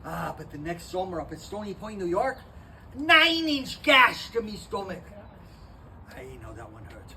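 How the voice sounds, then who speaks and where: In an exaggerated voice, a man brings to life a giant, boastful soldier: young, towering, cheerful and Portuguese-born. The storytelling is playful and theatrical, moving between booming and hushed, captured outdoors in a historic park by a far-off mic with ambient noise.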